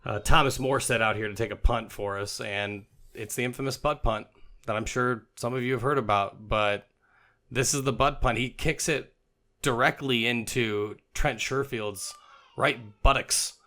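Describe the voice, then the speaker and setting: A man's voice: mid-range voice, pushed and bright. Joking young man narrating sports clips. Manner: jokey, puts on players' voices in quick asides. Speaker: football video host. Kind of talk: comic play-by-play voice-over.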